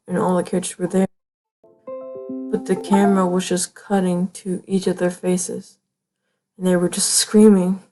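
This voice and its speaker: A woman reading a horror story aloud, sometimes dropping into a hush on the eerie lines. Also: lowish voice, rough recording. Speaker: reader. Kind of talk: scripted horror narration.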